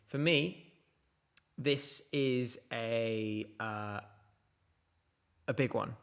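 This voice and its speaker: A man's voice: mid-range voice, very slow, a bit bright. A man hosting a casual live stream from home, chatting, laughing often and reading out viewer messages. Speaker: livestream host.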